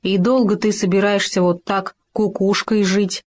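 A woman's voice: medium pitch, flat delivery, unhurried, darkish tone, close to an everyday voice. A woman voicing a bossy, meddling male hamster who lectures and scolds in a storybook tale. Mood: lecturing. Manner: preachy, scolding.

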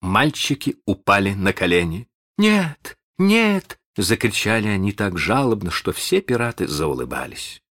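A man narrating a children's story aloud in a dramatic, animated manner. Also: low-pitched, moderate pace, few pauses, no echo, clean studio sound. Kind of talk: expressive audiobook narration.

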